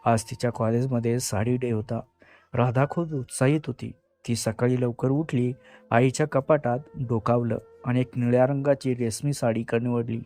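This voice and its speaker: A man narrating a dramatic audio story in a measured, emotive way. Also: medium pitch, steady tone, mellow. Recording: narration over faint background music.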